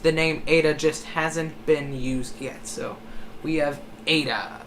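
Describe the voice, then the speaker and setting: A livestream host of unclear sex gives storm commentary in a bright, forward voice. The delivery is hesitant and self-correcting. There is some noise behind the voice. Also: medium pitch, fairly even intonation, slow, rough recording. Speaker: livestream host tracking a hurricane. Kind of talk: live storm coverage commentary. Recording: noticeable background noise.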